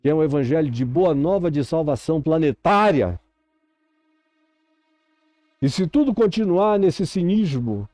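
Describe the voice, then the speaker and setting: A Brazilian man preaching a sermon with an accent from Brazil, swinging from loud urgent pleas to low grave tones. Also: expressive, measured pace, long pauses, dry recording. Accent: Brazilian Portuguese.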